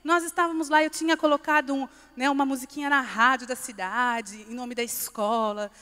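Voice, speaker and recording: A woman's voice: high voice, steady tone, fairly quick, pushed and bright, clear, resonant tone. A woman from Brazil giving a testimony sermon at a church conference, telling stories and acting out both sides of the dialogues. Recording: long hall reverb.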